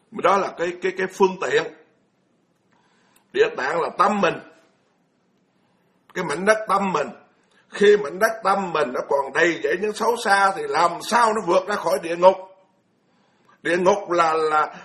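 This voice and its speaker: A man's voice: fairly high pitch, fairly bright tone. A man, giving a blunt, colloquial Buddhist sermon full of scolding rhetorical questions. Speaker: Buddhist monk lecturer.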